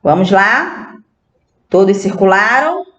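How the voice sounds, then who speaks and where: A Brazilian woman teaching a primary school class, speaking slowly and patiently, spelling words out one at a time. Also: medium pitch, sing-song, fairly bright tone, lo-fi sound. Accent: Brazilian Portuguese. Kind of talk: recorded remote class lesson. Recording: echoey room.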